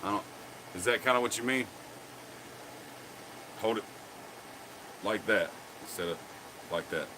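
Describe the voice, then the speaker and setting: Background noise surrounds a lowish male voice that moves at a measured pace with long pauses. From his workshop forge, he hosts a live stream on blacksmithing, casually chatting, joking folksily, and naming viewers as he demonstrates.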